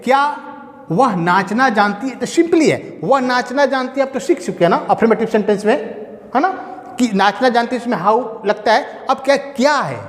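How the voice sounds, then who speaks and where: A man's voice: very high-pitched, expressive, moderate pace. A man with a Bihari Hindi accent teaching a grammar lesson to a class, asking questions and answering them himself. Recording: echoey hall with long reverb.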